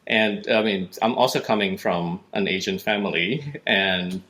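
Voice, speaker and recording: Low-voiced friendly podcast host man. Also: sharp tone. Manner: friendly, laughs easily, slightly halting with fillers. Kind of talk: podcast interview.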